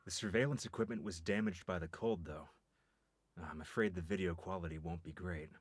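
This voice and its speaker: A man's voice: deep voice, fairly quick, slightly rough. An actor playing a courteous male police detective in a story game, speaking in a matter-of-fact way. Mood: businesslike. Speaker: game character.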